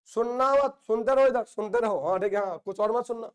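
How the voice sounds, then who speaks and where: Man, from India, chemistry teacher, very high voice, playful, teasing, repeats phrases, classroom lecture. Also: fairly quick, clear, resonant tone.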